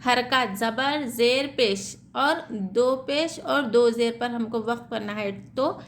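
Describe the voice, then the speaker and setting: A woman teaching tajweed, spelling out letters slowly and explaining the reading rules, checking in with "theek hai" as she goes. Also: fairly high pitch, slight background noise. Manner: slow, drawn-out syllable-by-syllable spelling.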